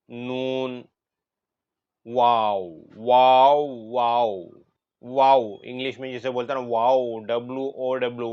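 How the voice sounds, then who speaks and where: Slow man teaching letter sounds. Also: medium pitch, fairly bright tone, clear, resonant tone, muffled recording. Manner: drawn-out letter sounds, repeated for students. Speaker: Quran reading teacher. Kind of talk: recorded lesson on letter pronunciation.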